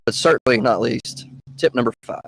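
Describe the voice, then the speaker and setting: A man in his thirties presenting a comic public notice outdoors in a mock-official, deadpan way. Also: mid-range voice, brisk, gravelly, husky, poor audio. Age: 30s.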